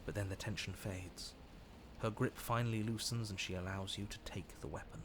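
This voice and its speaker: An actor playing a measured, faintly menacing game narrator, telling a dramatic story in the second person. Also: male voice, lowish voice, fairly even intonation, background noise, lightly acted. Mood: grave, hushed. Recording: music behind the voice. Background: music.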